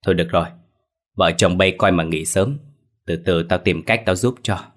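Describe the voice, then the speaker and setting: A man doing a gruff weary old exorcist. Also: low voice, moderate pace, natural voice. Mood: stern. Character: old male exorcist master, stern and weary.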